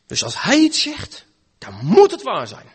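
Delivering a sermon at a measured pace, a man uses a husky, fairly high voice that swoops wildly in pitch. His lines alternate between loud pleas and soft, almost whispered passages.

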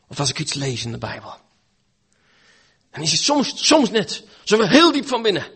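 A preaching man with a husky, fairly high voice that rises and falls widely. He moves between loud pleading and hushed, almost whispered lines. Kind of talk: sermon.

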